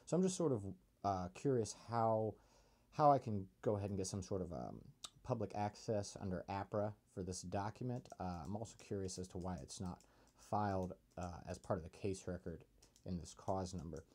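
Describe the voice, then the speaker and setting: A man leaving a voicemail, hesitant with many ums, reading numbers out slowly over the telephone. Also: low voice, a little mellow, breathy edge. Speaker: caller.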